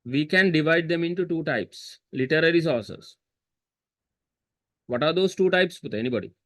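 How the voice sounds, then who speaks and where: A man's voice: a little high, expressive, normal speed, a bit bright, no room sound. A man teaching a history seminar over a video call, repeating key terms and quizzing students with chatty asides. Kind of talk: online seminar lesson. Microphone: computer mic on video call.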